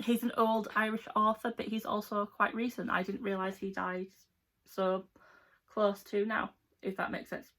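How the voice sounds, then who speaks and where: Her voice mid-range and a bit bright, a young woman from England talks informally to the camera for her book vlog, wandering slightly off topic as she chats.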